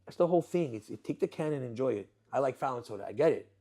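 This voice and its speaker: A young man talks fast and with energy as a guest in a casual interview. He brings his stories to life by acting out customers and staff. His voice sits at an ordinary, mid pitch. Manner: animated storyteller, acts out customers and workers. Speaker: restaurant owner guest.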